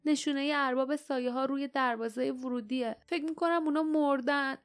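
A woman's voice: high-pitched, steady tone, pitched above the performer's own voice. A woman reading the lines of a grieving, hot-tempered young male hero in an audiobook, in an urgent, strained way.

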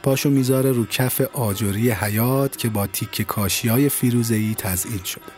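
A man narrating an audio story in a calm, measured storytelling manner, recorded close to the mic. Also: medium pitch, soft background music.

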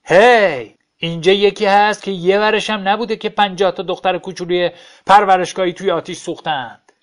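A man's voice: a little high, lively intonation, natural voice. A man voicing a nosy, self-righteous middle-aged barfly who badgers and mocks, in an audiobook reading. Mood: shouting. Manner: badgering, loud, mocking.

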